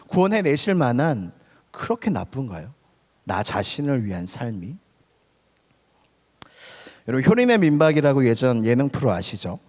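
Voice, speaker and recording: A young pastor gives a youth sermon in a church sanctuary, his medium-pitched voice carried by long hall reverb. He talks conversationally and addresses listeners directly, swinging between loud emphasis and soft near-whispers.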